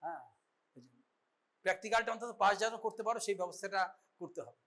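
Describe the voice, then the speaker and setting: With a high-pitched, sharp-toned voice and a fast pace, a man lectures in a medical college classroom. He walks through an exam demonstration and frequently makes sure the students grasp it.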